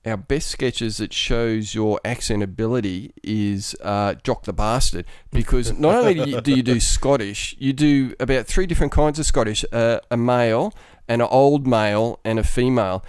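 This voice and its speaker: A man's voice: medium pitch, moderate pace, hardly any pauses, darkish tone, smooth, no echo, clean studio sound. A man hosting a podcast, chatting casually in an enthusiastic, rambling way. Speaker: podcast host. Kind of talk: casual chat.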